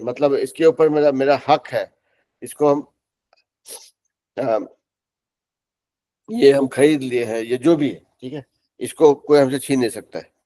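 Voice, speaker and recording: Middle-aged bihari guy teaching in class, dark mellow voice, kinda high for a guy. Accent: Bihari Hindi. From Bihar, India. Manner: spells words letter by letter and repeats them slowly. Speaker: English teacher. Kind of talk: classroom pronunciation lesson.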